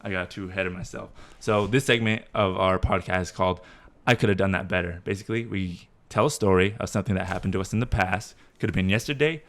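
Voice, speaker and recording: A man's voice: low-pitched, fast. Rambling young man telling a story. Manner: rambling, lots of "like" fillers, laughs through his story. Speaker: podcast co-host. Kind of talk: casual storytelling chat.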